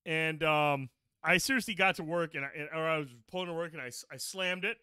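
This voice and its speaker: A man's voice: on the high side, a little fast, clean tone, no room sound, clean studio sound. A man hosting a podcast, telling stories in casual chat with lots of swearing and laughter. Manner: animated, swears freely, laughs often. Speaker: podcast host.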